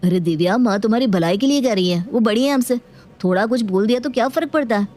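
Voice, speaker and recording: A woman voicing a young husband who tries to calm his wife and mother, reasoning with them. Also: a little high, quick pace, lightly acted. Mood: placating. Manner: placating, reasoning.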